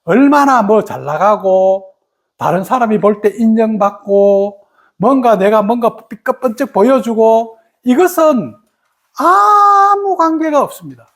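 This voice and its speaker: A middle-aged woman giving a dharma talk as a meditation teacher, telling stories in an animated way and acting out her own old complaints. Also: a little high, measured pace.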